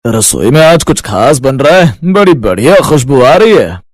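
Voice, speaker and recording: A man's voice: mid-range voice, sing-song, moderate pace, no room sound. A man voicing a kindly, easygoing father-in-law in a cartoon. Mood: pleased.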